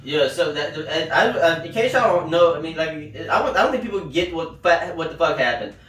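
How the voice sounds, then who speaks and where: Male co-host, crude rowdy banter, higher voice, recorded from a distance in an echoey room. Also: expressive, a little fast, fairly bright tone, slight background noise. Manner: rowdy, swears a lot, laughs often. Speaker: podcast co-host. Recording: roomy echo, mic at a distance.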